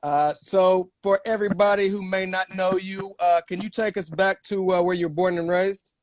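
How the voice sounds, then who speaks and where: A man's voice: high voice, steady tone, moderate pace, no room sound. A man hosting a casual interview on a live video call, asking laid-back questions padded with fillers. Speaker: interview host.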